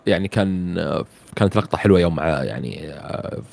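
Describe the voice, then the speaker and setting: A man's voice: low voice, lively intonation, fairly quick, vocal fry, darkish tone. A man recapping a video game plot in casual chat, rambling with many fillers and restarts.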